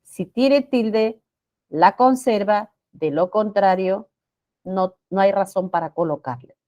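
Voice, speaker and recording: A woman's voice: mid-range voice, takes it slowly, warm tone, muffled recording. A woman teaching a class, explaining spelling rules patiently, repeating points, checking understanding with short questions and stretching out example words.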